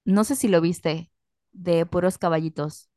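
A woman with a Yucatecan Spanish accent, sick with a cold, co-hosting a podcast in a chatty, relaxed, slangy way. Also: on the low side, a little slow, no room sound, studio quality. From Yucatán, Mexico. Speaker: podcast co-host. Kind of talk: casual chat.

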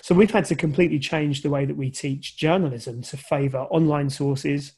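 A man's voice: a little high, fairly even intonation, normal speed, warm tone, breathy edge. A man who teaches journalism, answering interview questions thoughtfully over a video call and often restarting his sentences. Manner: thoughtful, many restarts and fillers. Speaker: journalism lecturer.

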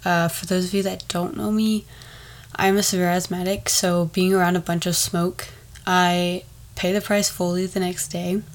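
A woman's voice: lowish voice, level tone, normal speed. A young woman with a wheezy, congested voice, chatting casually as a solo podcast host and drifting into rambling asides. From Texas, United States. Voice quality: wheezy, stuffed-up voice.

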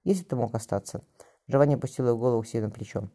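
A man's voice: animated, racing, warm tone. A man narrating a romance novel as an audiobook reader, voicing both lovers' dialogue himself. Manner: voices both lovers in dialogue with raised pitch.

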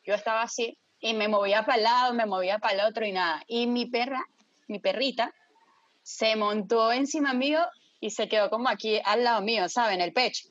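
A woman with a fairly high voice tells a story to friends in a casual, dramatic way. She swears freely and keeps asking whether they follow her. The sound is dry and close, with a slightly dull, lo-fi quality. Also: brisk, no room sound. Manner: lively, dramatic, swears freely, asks listeners for agreement.

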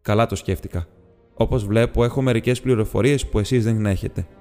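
A courteous, businesslike hobbit burglar, voiced by a male reader in a storybook reading, fussy and precise. The voice is lowish and sits in a long, ringing reverb. Soft music plays underneath. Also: fairly even intonation, natural voice. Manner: courteous, precise, slightly formal.

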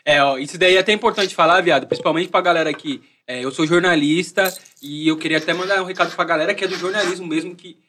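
Male host, São Paulo accent, rapid and forceful, chatting in thick street slang. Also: on the high side, a little hiss or hum. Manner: heavy urban street slang. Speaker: host and journalist. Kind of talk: casual slangy interview chat.

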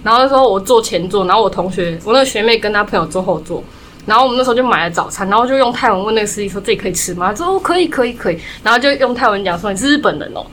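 A young woman from Taiwan chatting casually, telling stories in quick run-on clauses. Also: mid-range voice, a bit bright, a little hiss or hum. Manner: rapid storytelling, strings clauses with "然后". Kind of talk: casual chat.

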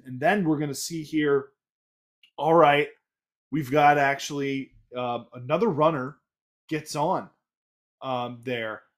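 A man with a Boston accent recaps an old ballgame in a casual podcast. He talks in a chatty, enthusiastic way and keeps circling back with fillers and restarts. His pitch sits in the middle range. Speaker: podcast host.

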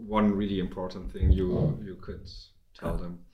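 A man's voice: deep voice, flat delivery, normal speed, lo-fi sound, a crowd in the background. A man co-hosting a casual interview podcast, asking questions and signing off. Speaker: podcast co-host.

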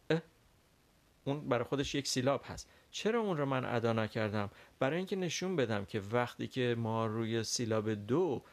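A man whose first language is Persian, teaching a language lesson and explaining patiently with frequent pauses and fillers. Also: mid-range voice. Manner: explains carefully with many pauses and fillers, models English words slowly. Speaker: English teacher.

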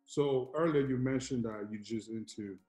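A man's voice: mid-range voice, normal speed, mellow. A man hosting an interview, asking loose, slangy questions. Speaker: interview host. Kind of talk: casual interview chat. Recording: echoey room with faint music.

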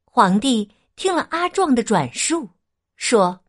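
A woman narrating a children's folk tale in a gentle, expressive storytelling manner. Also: on the high side, takes it slowly, slightly rough.

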